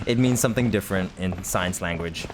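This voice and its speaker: A man's voice: sits low, fairly quick, noisy background. A man hosting a let's play, chatting casually with lots of laughs and rambling restarts. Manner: rambling, laughing, self-correcting. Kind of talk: casual gameplay commentary. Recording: game music playing behind.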